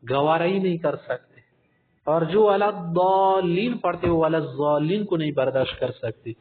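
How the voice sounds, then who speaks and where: Male tajweed teacher, lesson style, stretches out sung examples, thin lo-fi line. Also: fairly high pitch. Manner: demonstrates recitation slowly, drawn out and sung; addresses listeners as respected gentlemen, explanatory. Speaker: Quran recitation teacher. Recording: tinny phone-like recording.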